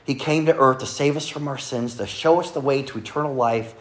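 A man's voice: mid-range voice, brisk, a bit bright. Earnest male pastor preaching a sermon. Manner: earnest preaching, quotes scripture aloud. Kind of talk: Sunday sermon. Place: church service with congregation.

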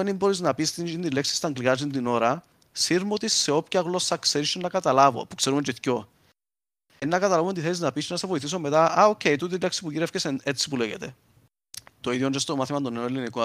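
A man's voice: fairly high pitch, fairly bright tone, dry recording. A man with a Cypriot Greek accent explains things informally with examples, speaking in dialect and slipping in standard terms. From Cyprus. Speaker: linguist speaker.

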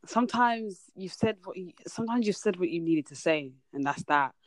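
A woman's voice: on the low side, lively intonation, moderate pace, no echo. Young woman hosting, dry sound. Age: young adult. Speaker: podcast host. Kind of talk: casual podcast chat.

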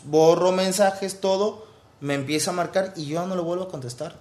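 A Mexican man tells a story briskly in casual chat, full of slang. His voice is notably high. The room adds a lot of echo to his voice. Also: a little mellow. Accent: Mexican Spanish. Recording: echoey room.

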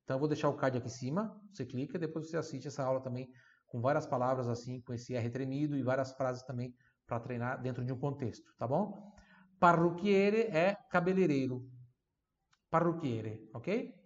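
Man drilling words slowly for students. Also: medium pitch. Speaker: Italian teacher. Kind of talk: online language lesson. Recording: slightly dull lo-fi sound.

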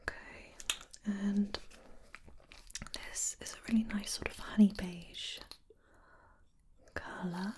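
A woman in a whispered role-play as a make-up artist, in a soft, breathy, layered whisper with a gentle, attentive manner. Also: medium pitch, fairly even intonation, takes it slowly, pauses often. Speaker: ASMR host playing a make-up artist.

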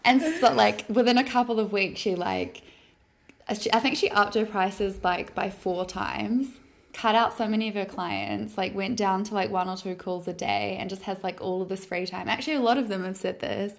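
A woman's voice: medium pitch, lively intonation, moderate pace, gravelly. A woman co-hosting a podcast, chatting casually in an effusive, slangy, girlfriend-to-girlfriend way. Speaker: podcast co-host.

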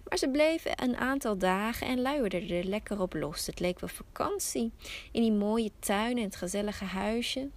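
A woman hosting a podcast, telling a fairy tale slowly and softly, often close to a whisper. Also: medium pitch, animated. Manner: slow, soft storytelling, often near a whisper. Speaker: podcast host and storyteller.

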